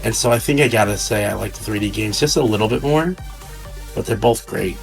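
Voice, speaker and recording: A drunk man in a casual fan discussion, rambling and halting as he repeats and restarts his phrases. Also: lowish voice, gravelly. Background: music.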